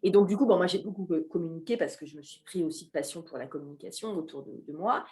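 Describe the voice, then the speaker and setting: Middle-aged woman, Alsace-born chef guest; lively, halting café-talk delivery. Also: on the low side. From Alsace, France. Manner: animated, hesitant with many fillers. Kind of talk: casual talk at a live café event.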